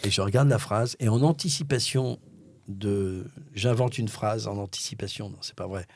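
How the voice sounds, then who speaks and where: A middle-aged French man, a voice-over artist, telling a story in an animated, theatrical way and acting out the dialogue. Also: fairly low pitch, normal speed, creaky. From France.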